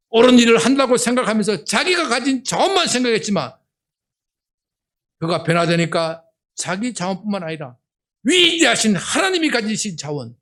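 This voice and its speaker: An older man, a senior pastor with a Gyeongsang accent, preaching a sermon in a church in a humorous, animated way and often checking in with the congregation. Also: high-pitched. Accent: Gyeongsang Korean. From Gyeongsang region of Korea. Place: church sanctuary.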